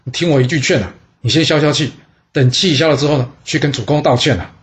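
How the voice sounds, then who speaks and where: A man's voice: fairly high pitch, fast talker, close to an everyday voice. A man voicing a cautious, fearful ancient minister who pleads and hedges. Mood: anxious.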